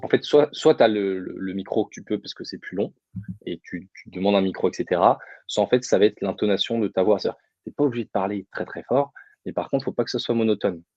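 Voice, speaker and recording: Lowish-voiced man coaching on a webinar. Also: fast talker, darkish tone, dry recording, dull audio. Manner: informal, addresses audience directly, many fillers. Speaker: public speaking trainer. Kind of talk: webinar Q&A, casual advice.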